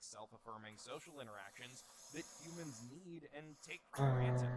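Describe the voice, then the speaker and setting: A man narrating a scripted video essay in a lively, wry, analytical way. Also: on the high side, rough recording.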